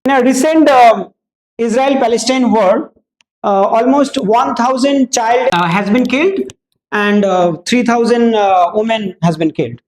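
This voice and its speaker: A man with an extremely high-pitched voice and a Bengali Indian English accent lectures a class as a speaking teacher at a moderate pace. He is emphatic, uses rhetorical questions and repetition, and switches between two languages. The audio is poor, with slight background noise.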